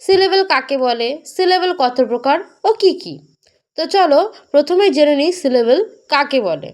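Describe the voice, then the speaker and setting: Woman teacher, high voice, talks right to you, slows way down on example words. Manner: slow, syllable-by-syllable example words; addresses the viewer directly. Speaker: English teacher. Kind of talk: explanatory lesson narration.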